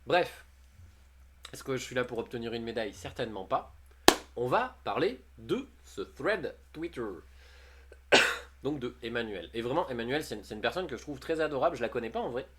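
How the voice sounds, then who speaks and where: A man's voice: mid-range voice, lively intonation, moderate pace, a bit bright, a little hiss or hum. A man chatting casually on a livestream, reading posts aloud and commenting on them with jokes and frequent laughs. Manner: chatty, jokey, often laughing. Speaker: streamer.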